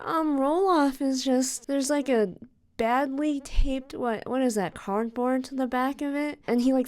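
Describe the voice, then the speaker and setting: A woman streamer giving casual, expressive reaction commentary, often musing aloud in questions. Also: fairly high pitch.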